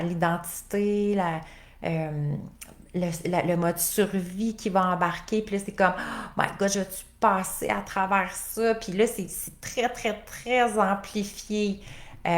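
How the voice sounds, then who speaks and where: A woman life coach with a Québécois accent, giving a conversational live talk full of fillers and rhetorical questions. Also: lowish voice. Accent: Québécois French. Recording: roomy echo.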